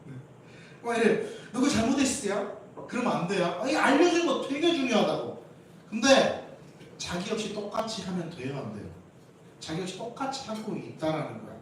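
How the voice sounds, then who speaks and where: A man with a Jeolla dialect preaching a lively Sunday sermon, asking questions and acting out quarrels in playful voices. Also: high-pitched, normal speed, slight background noise. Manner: animated, acts out quarrels in playful voices, asks the congregation questions. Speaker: pastor. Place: church sanctuary. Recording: very echoey church hall from a distance.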